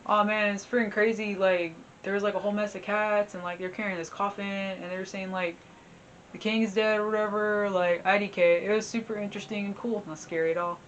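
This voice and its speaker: A woman's voice: medium pitch, steady tone, brisk, muffled recording, a little hiss or hum, pitched above the performer's own voice, natural voice. A woman voicing an easygoing male farmer who shrugs off strange sights, talking in a casual, slangy way. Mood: excited.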